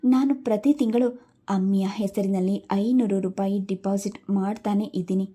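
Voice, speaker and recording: Woman reading a calm, reassuring mother. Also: medium pitch, breathy edge. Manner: unhurried, reassuring.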